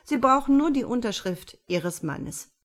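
A woman voicing a stiff, condescending male bank clerk with forced politeness and a flat, monotone delivery. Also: on the high side, measured pace, pitched above the performer's own voice. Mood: dismissive.

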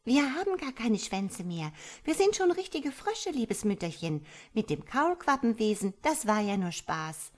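A woman voicing a crowd of cheeky young frogs who tease their mother in shrill, high voices. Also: very animated, a little slow, few pauses. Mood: sweet-talking. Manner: shrill, teasing, shouting in chorus. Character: cheeky young frog children, shrill, mocking.

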